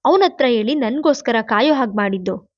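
A woman's voice: a little high, animated, a little fast, lightly acted. A woman reading as a bitter young woman. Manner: sharp, bitter retorts. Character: proud, bitter young woman, quick to snap. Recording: dull lo-fi, dry.

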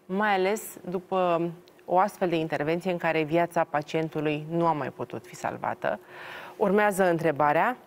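A woman TV interviewer reading out prepared quotes and questions in a measured, deliberate way. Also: fairly low pitch, slight background noise. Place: TV studio.

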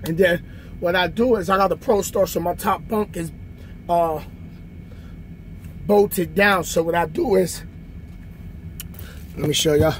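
A man in his thirties who drives trucks gives a slow, easygoing vlog chat from his sleeper cab as he demonstrates a bunk workout. His voice rides high, and the phone camera on a nearby stand picks up a slight hiss or hum.

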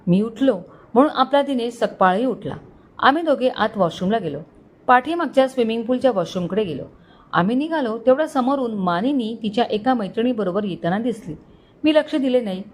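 A woman storyteller reading a romantic story aloud in a steady, expressive way. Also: on the high side, slight background noise. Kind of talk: scripted story narration.

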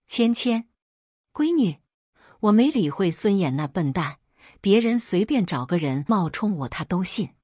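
A woman narrating a first-person story in a steady, dramatic storytelling way, with a husky voice. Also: on the low side, normal speed, no echo, studio quality.

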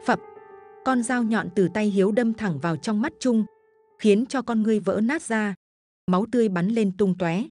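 A woman's voice: mid-range voice, normal speed, darkish tone, no echo, soft background music. A woman narrating a gory horror story in a dramatic, vivid way.

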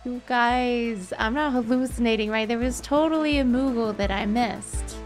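A young adult woman streams a game from an indoor setup, chatting casually and giggling with viewers through a close boom-arm mic. Her voice is a little high and her speed normal, with faint game music in the background.

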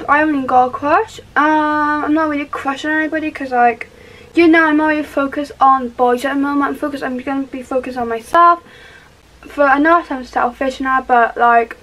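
Welsh teen girl vlogger, high bright voice, loose upbeat bedroom chatter. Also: fairly even intonation, moderate pace, poor audio. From Wales. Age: teens. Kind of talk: casual get-ready-with-me chat. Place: small bedroom indoors.

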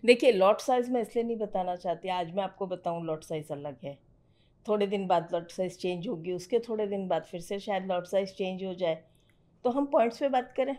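A woman's voice: medium pitch, brisk, mellow. Firm middle-aged woman trading mentor. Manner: firm, direct, mixes English phrases into Hindi. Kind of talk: conversational teaching.

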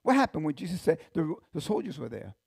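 A man pastor preaching a sermon in a church, swinging from soft, hushed phrases to loud shouted passages, with many restarts. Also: fairly high pitch, big pitch swings, quick pace, gravelly, breathy edge, no room sound, clean studio sound.

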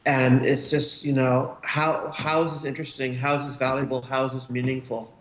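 Here the cartoonist guest, a man in his forties on a webcam call from a room in his home, speaks at normal speed in a level, mid-range, slightly bright voice. He rambles with frequent restarts and fillers, and the roomy, dull video-call sound carries slight background noise.

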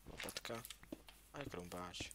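A young man with a low, expressive voice comments casually on the game he's playing, a gaming YouTuber talking to himself and letting out startled yelps. His let's-play is recorded over clear keyboard and mouse clicks and a noisy background.

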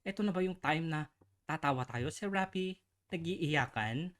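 Slightly high, teasing male commentator. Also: normal speed, fairly bright tone. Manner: teasing, sarcastic asides. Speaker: online commentator. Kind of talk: casual reaction commentary.

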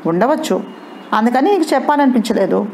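A woman's voice: fairly high pitch, animated, a little fast, gravelly, darkish tone, a little hiss or hum, voice pushed up. Brief: a defiant young wife, read by a woman, cool and cutting.

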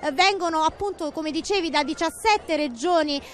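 A woman field reporter giving a live outdoor news report in a crowded city square, talking quickly and upbeat with frequent filler sounds. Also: high voice. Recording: outdoor broadcast with crowd noise.

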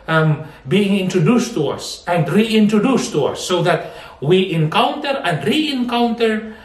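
A man in his forties, a priest, giving an earnest homily straight to the camera with lively gestures. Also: on the high side. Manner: slow, earnest preaching with lively hand gestures. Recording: echoey, somewhat distant mic.

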